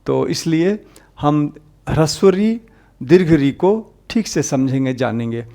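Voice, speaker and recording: A man teaching an exam-prep Hindi grammar lecture, explaining patiently and repeating the sounds aloud, rising on key points and dropping low at the ends of phrases. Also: lively intonation, takes it slowly, mellow.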